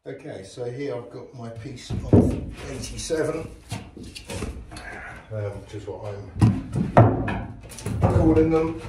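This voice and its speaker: A man's voice: mid-range voice, expressive, slow pace, long pauses, far from the mic. A man in his thirties giving a matter-of-fact how-to narration as he builds out a narrowboat hull, talking while he works. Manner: practical, matter-of-fact, talks while working. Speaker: DIY boat builder. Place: inside a narrowboat hull under construction. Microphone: camera mic, speaker moving near and away. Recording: echoey hollow hull, off-mic at times, work noise.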